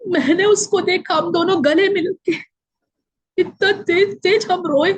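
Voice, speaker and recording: A woman with a high voice recounts a personal faith testimony in Hindi, weaving in English words. Her telling is emotional, and she acts out the voices of the people she quotes. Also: unhurried, rough recording. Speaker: testimony speaker.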